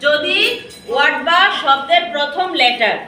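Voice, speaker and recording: A woman's voice: high-pitched, measured pace, crowd noise. A woman teaching English to a class in a classroom, drilling with short questions and repeating each answer back. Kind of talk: classroom drill with call-and-response. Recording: very echoey room, distant mic, audible noise.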